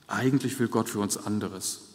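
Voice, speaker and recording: A man preaching a sermon, earnest and measured, repeating key phrases for weight. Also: on the low side, darkish tone. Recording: long reverb of a large hall.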